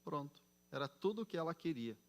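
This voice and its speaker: A man preaching a sermon, telling a story with soft asides and loud emphatic peaks. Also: fairly high pitch, lively intonation, fairly quick. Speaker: pastor.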